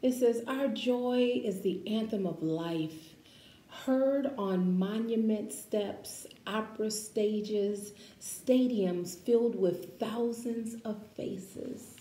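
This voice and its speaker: For children's story time, a mid-range-voiced woman reads from a picture book, expressive and careful in her pacing. Along the way she offers casual asides and questions to the kids, and the room echoes over a faint background hum.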